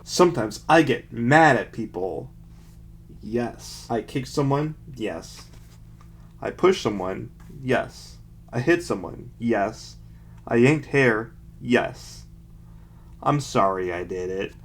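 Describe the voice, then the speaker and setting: A young man speaks casually at an average pitch, as a vlogger would. He reads short bits aloud and picks them apart with mocking, self-deprecating commentary. His asides are dry and sarcastic. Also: lively intonation, takes it slowly. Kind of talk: casual commentary, reading aloud from a childhood book.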